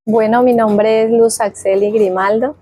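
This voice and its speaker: In a dry recording, a woman's fairly high, warm voice keeps a steady tone at a measured pace. She's in her fifties, from Guainía, with a Colombian accent, and she's sharing casual personal memories in an interview, vividly told with diminutives and sound words.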